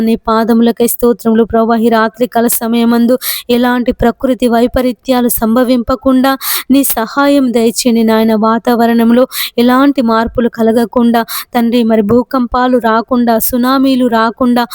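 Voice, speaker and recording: A woman's voice: on the high side, a little mellow, dry recording. A woman leading an extempore night prayer, pleading in a repetitive devotional cadence into a close mic. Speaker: prayer leader.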